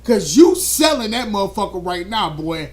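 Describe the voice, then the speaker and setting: A man co-hosting a live talk show, loud and laughing, saying he is drunk. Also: sits high, sing-song, normal speed. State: tipsy. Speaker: podcast co-host. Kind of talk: casual live-show banter.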